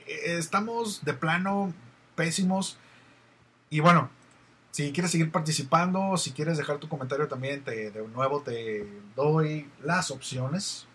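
A male radio host with a Mexican accent runs an online radio show, reading listener messages in a chatty, meandering way with many fillers. His voice is a little high and fairly bright, with a breathy edge.

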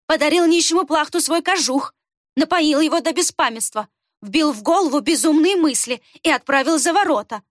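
A woman's voice: sits high, animated, moderate pace, dry recording, studio quality, pitched above the performer's own voice. Woman playing a pressing male traveller, raised voice. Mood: probing.

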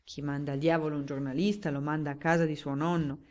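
A chatty, flattering journalist, glib and grandly declaiming as he angles for a story, as a woman reading the book puts him on. The voice sits low and rich for a woman, while his lines jump noticeably higher and louder than her narration. It plays out as an audiobook character. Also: quick pace, natural voice. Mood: eager. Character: talkative, flattering male newspaper journalist.

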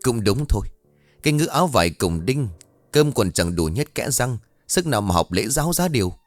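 A man voicing a bossy, spiteful old mother-in-law who shouts and hisses insults at her daughter-in-law. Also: mid-range voice, sing-song, normal speed, no echo, soft background music, lightly acted. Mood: scolding. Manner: harsh, shouting, hissing insults.

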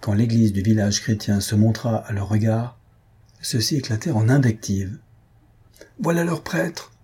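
Dark, husky male audiobook narrator. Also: fairly low pitch, fairly even intonation. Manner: measured dramatic reading, lifting his voice for characters' shouts. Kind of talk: scripted audiobook reading.

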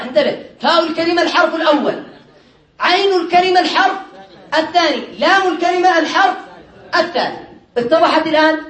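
A man teaching an Arabic grammar lesson. He drills his students by asking questions and answering them himself, and he repeats key terms slowly. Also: very high voice, a bit bright. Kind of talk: classroom lesson. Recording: echoey room.

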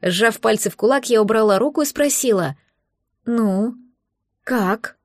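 A woman's voice: a little high, lively intonation, fairly quick, dry recording, studio quality. Woman narrating a fantasy audiobook. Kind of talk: first-person novel narration.

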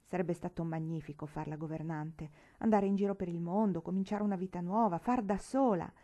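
A woman reading a classic novel aloud in first-person narration, measured and unhurried. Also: fairly low pitch, dark tone. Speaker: audiobook reader.

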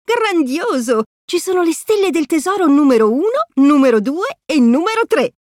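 A woman's voice: high voice, very animated, moderate pace, a little mellow, no echo, clean studio sound, pitched above the performer's own voice. A woman voicing a cheerful, eager cartoon mouse captain in a storybook reading.

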